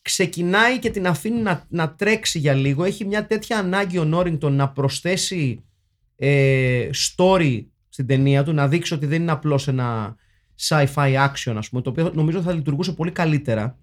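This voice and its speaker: A man on a podcast talking through a film in casual, rambling chat, restarting often and dropping sardonic jokes. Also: fairly high pitch. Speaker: podcast host.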